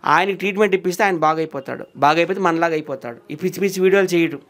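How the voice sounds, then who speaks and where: Man, high voice, rapid, insistent, accusing interview guest. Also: a bit bright. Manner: insistent, accusing, repeats points. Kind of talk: heated interview talk.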